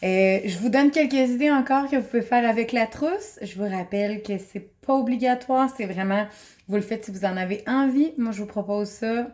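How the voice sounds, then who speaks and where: A woman's voice: on the high side, normal speed, darkish tone. A woman teacher with a Québécois accent, recording a chatty, encouraging video lesson for young children from home. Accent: Québécois French. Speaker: elementary school teacher.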